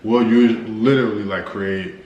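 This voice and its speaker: Low-voiced American man in an echoey room. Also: steady tone, moderate pace, darkish tone, highs cut off. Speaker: vlog co-host. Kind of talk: casual couple Q&A chat. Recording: roomy echo with clear background noise.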